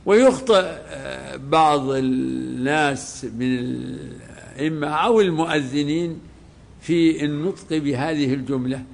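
Man, religious scholar, lesson on a legal text, deliberate, repeats phrases, slightly high voice. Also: creaky.

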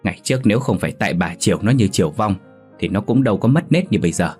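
A man voicing a gruff, angry middle-aged village father who scolds and hisses at his family. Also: deep voice, expressive, brisk, faint music behind. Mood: angry scolding. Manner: scolding, hissing through teeth.

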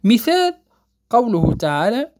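A woman teaching the rules of Quran recitation. She explains patiently, repeats key points, checks that students follow, and recites verses slowly and melodically. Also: on the high side, big pitch swings, darkish tone. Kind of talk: tajweed lesson explaining rules.

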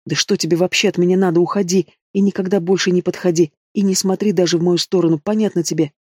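A man's voice: high-pitched, fairly even intonation, fast talker, dark tone, no echo, studio quality. A man voicing a proud young woman in an audiobook, snarling and defiant. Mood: furious.

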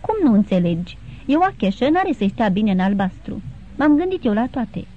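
A woman's voice: mid-range voice, sing-song. A woman voicing a tender young bride in an audiobook, reading her lines with emotion. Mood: insistent. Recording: tinny phone-like sound.

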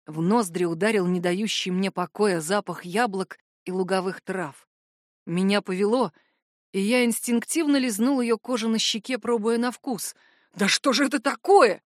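A woman's voice: mid-range voice, normal speed, no echo, studio quality. A woman reading fiction aloud. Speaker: audiobook narrator. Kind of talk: first-person fiction narration.

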